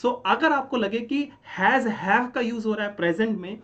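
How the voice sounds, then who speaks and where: A high-voiced man gives a classroom-style English grammar lesson, speaking unhurriedly in a slightly bright tone, though the recording cuts off the highs. He explains step by step, asks questions he answers himself, and keeps checking in with "ठीक है?".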